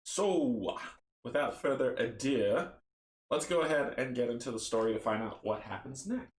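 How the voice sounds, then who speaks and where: A man casually chatting and reading a horror board game story aloud, relaxed and rambling. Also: mid-range voice, normal speed. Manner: relaxed, rambling, laughs at own slips. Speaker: tabletop game player and narrator. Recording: roomy echo.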